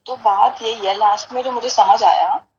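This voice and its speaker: A woman's voice: on the high side, normal speed, darkish tone, dull audio. A woman guest on a podcast, telling a long family story in casual chat, acting out what people said and often checking in with "right?", with English phrases dropped into her talk. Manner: mixes English phrases into Hindi; acts out quoted dialogue, keeps asking "right?".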